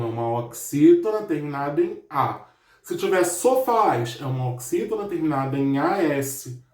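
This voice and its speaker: A man with a Brazilian Portuguese accent teaching a grammar lesson step by step, drawing out example words and checking in with "ok?" often. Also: a little high. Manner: drawls out example words slowly. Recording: echoey room.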